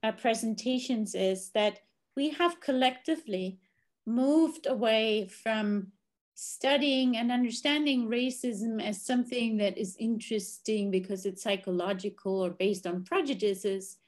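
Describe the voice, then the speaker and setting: Slow-spoken woman moderating a panel. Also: fairly high pitch. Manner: thoughtful, hesitant questioning. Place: office with bookshelves. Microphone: video call.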